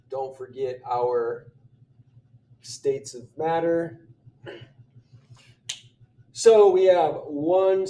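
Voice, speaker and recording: A man working through chemistry practice problems, thinking aloud, often clearing his throat and restarting sentences. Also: a little high, dark tone, far from the mic. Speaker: chemistry teacher.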